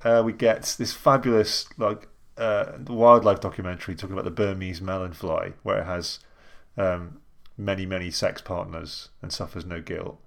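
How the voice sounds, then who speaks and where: Male podcast co-host, young, lowish voice, giggly and rambling. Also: fairly even intonation, moderate pace, creaky, few pauses. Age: young adult. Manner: chatty, laughs often, lots of ums and restarts. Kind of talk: casual chat.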